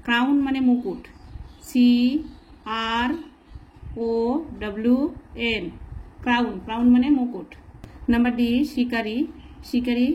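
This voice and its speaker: A woman teaching a children's lesson, slowly spelling out words letter by letter and explaining grammar in a patient way. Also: a little high, a little mellow, rough recording. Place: at home, writing in a notebook.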